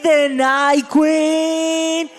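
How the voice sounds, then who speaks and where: A woman's voice: high voice, little pitch movement, extremely slow, faint music behind. A woman making bilingual English and Spanish ring announcements in a formal, showy manner, drawing out names. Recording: long hall echo over arena speakers.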